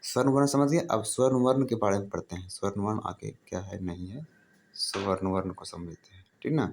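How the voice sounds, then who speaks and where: A man's voice: lowish voice, brisk, a little mellow. Man, grammar teacher, casual lesson, repeats points, asks then answers his own questions, faint background noise. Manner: casual, addresses listeners as brother. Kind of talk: informal classroom-style explanation.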